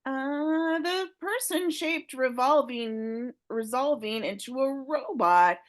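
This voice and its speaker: A woman's voice: high-pitched, takes it slowly. Woman reading stage directions. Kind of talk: reading script action descriptions.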